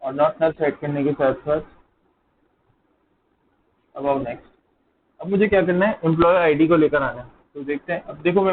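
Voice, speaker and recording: A male programming teacher gives a live lecture, talking his way through the code as he types and stopping to ask students questions. His voice is a little higher than most men's. It comes through a thin, phone-like line with a faint hiss behind it. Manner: talks while typing, checks in with students. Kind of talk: live online coding lecture. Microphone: close mic, dull over an online call. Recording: tinny call audio, faint noise.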